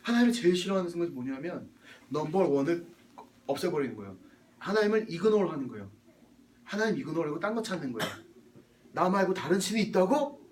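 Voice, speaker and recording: A man's voice: on the high side, animated, fast, a little mellow, far from the mic, slight background noise. A man giving a sermon in a casual, conversational way, dropping in slang and English words. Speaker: pastor.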